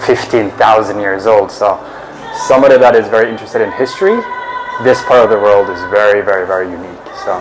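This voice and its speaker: A native Norwegian speaker from Norway, a man with a lowish voice and quick pace, answers interview questions as an actor in an easygoing, earnest way. The mic is distant in a roomy space, with music underneath.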